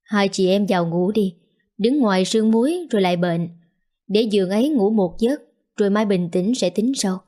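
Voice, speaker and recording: A woman voicing a calm older husband who reassures his family. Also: mid-range voice, moderate pace, natural voice.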